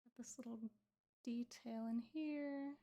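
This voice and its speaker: A woman's voice: fairly high pitch, fairly even intonation, slow, dark tone. A woman art streamer chatting casually and playfully while she draws, joking and laughing with her viewers. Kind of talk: casual chat while drawing.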